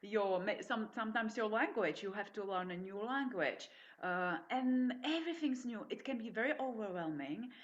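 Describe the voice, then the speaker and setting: A woman hosts an interview, her voice rising and falling with lively movement. She asks her guest open, inviting questions. Her pitch sits in a middle range. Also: normal speed, hardly any pauses, dull audio. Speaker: interview host. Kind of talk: hosted interview.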